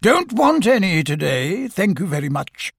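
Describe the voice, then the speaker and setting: A man's voice: sits high, very animated, a little slow, gravelly, a bit bright, husky, dry recording, studio quality, voice pushed up, full character voice. A man voicing a grumpy, secretive old owl who answers curtly and crossly. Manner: curt, cross.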